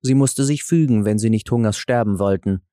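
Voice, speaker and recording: A man narrating a fairy tale audiobook in a calm, measured storytelling manner. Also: on the low side, clean tone, dry recording, studio quality.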